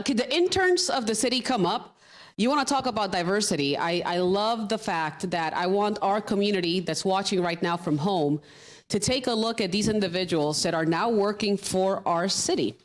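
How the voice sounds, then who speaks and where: A woman of mid pitch speaks off script at a council meeting. She sounds enthusiastic and chatty, as if talking to the room. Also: animated, moderate pace. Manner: enthusiastic, conversational. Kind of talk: unscripted remarks at a council meeting.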